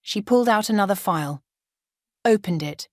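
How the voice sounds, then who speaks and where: An older woman narrating her own story in the first person, in a steady, calm and resolute way. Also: medium pitch, normal speed, no echo, clean studio sound.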